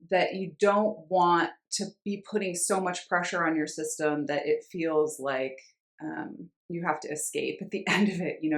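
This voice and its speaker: A woman instructor informally explaining a breathing and cleansing practice in a measured way, with pauses. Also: low voice. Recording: roomy, echoing sound.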